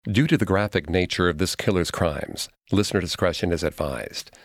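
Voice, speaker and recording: Deep-voiced American male true crime narrator. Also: moderate pace, no room sound. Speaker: co-host of a true crime podcast.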